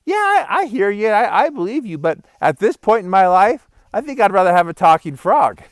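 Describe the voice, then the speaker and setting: A wry old man answers plainly and without fuss, as a storyteller puts him on. The voice sits a little high for a man and sounds close and dry. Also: sing-song, a little fast, dry recording.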